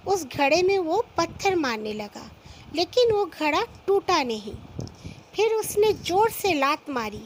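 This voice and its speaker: A woman narrating a listener's ghost story in an unhurried storytelling manner, acting out short quoted lines as she goes. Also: high voice, slight background noise, poor audio.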